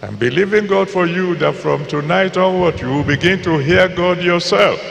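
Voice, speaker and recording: A man with a Nigerian accent preaching a sermon deliberately, pausing between short phrases and repeating them for emphasis, his voice gravelly and creaky. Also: high voice, a bit bright. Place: large church auditorium with PA reverb. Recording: reverberant large hall, faint background noise.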